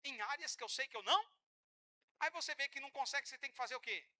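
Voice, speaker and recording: A man preaching a sermon in church, animated and joking with the congregation, often acting out the voices of church members. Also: very high voice, quick pace. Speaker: pastor.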